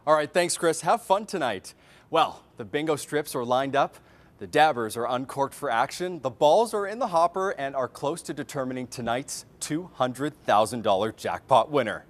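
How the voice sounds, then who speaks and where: A man's voice: mid-range voice, animated, normal speed. A man presenting a live TV bingo show as co-host in a polished, upbeat announcing style. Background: music behind the voice.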